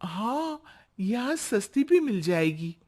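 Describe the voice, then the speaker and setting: Shweta, a chatty young wife. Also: female voice, mid-range voice, sing-song, slow pace, a little mellow. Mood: hopeful. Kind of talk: cartoon voice acting.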